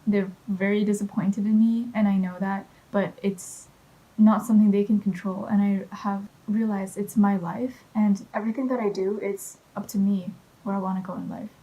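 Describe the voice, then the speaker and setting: A woman's voice: medium pitch, steady tone, normal speed, dark tone, poor audio. A teenage woman, telling a personal story in a candid, chatty vlog full of fillers. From China, raised in Quebec and Ottawa. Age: teens. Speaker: vlogger.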